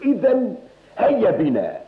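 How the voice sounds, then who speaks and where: A reluctant, stingy townsman putting on generosity in a radio comedy. He speaks unhurriedly and hesitantly, with big theatrical swings of pitch. The recording is narrow and phone-like, like old radio. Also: huge pitch swings, unhurried, heavily acted. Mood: hesitant, hospitable. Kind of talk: radio comedy drama in classical Arabic.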